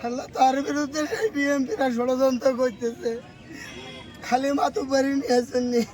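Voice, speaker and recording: A man's voice: very high voice, flat delivery, brisk, darkish tone. A man crying out and wailing in grief as a bereaved relative, in an emotional outcry. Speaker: grieving relative of a victim.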